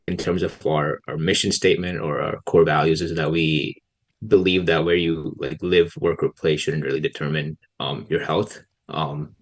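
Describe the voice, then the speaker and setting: A young Pakistani policy researcher answers questions in a casual podcast interview, his voice rumbling low. He is soft-spoken and hesitant, pausing often.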